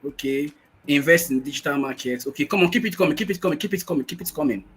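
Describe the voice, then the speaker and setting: Energetic man on a video call. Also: on the high side, fast, husky, soft background music. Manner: energetic, repeats phrases for emphasis. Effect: heard over a video call. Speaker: guest speaker. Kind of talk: motivational webinar talk. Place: at home in Nigeria on a shaky connection.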